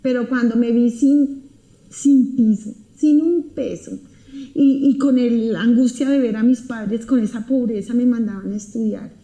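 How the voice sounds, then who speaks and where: A woman's voice: fairly high pitch, unhurried, warm tone. Earnest woman telling a personal testimony. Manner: earnest, intense storytelling with repetitions. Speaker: guest giving a personal testimony. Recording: roomy echo.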